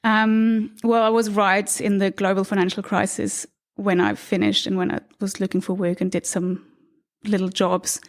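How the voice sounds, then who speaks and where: An Austrian woman in her thirties speaks as a podcast guest in a relaxed, conversational interview recorded indoors in an apartment. She sounds reflective and laughs lightly from time to time. Her mid-range voice stays flat, and she talks at a normal speed.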